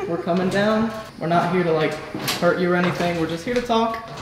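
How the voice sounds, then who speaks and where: A woman on a ghost hunt who mostly gives short replies and speaks calmly and reassuringly to the spirits. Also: on the low side, a little fast, reverberant, noisy background. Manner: short reactions and calm reassuring words to spirits. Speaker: paranormal investigator. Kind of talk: casual on-location chat.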